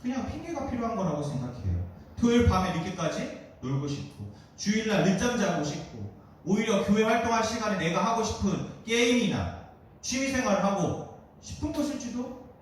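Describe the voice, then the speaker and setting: A man preaching to teenagers as their youth pastor, asking them direct questions in an animated way. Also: high-pitched, brisk, a little hiss or hum. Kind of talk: sermon to teenagers. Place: church hall. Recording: very echoey hall, distant mic.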